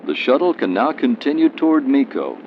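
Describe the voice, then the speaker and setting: A man's voice: medium pitch, very animated, a little fast, slight background noise. A man delivering scripted documentary narration as an off-screen narrator. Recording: slightly dull archival film soundtrack. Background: music.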